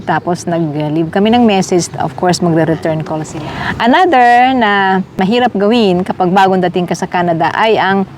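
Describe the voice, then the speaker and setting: A middle-aged woman from the Philippines chats with her viewers while strolling outdoors in a park. Her voice sits at an ordinary pitch, and her talk is friendly and conversational. Faint park ambience and distant traffic hum in the background. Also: darkish tone. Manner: chatty, addresses viewers as guys. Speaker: vlogger. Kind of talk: casual walking vlog.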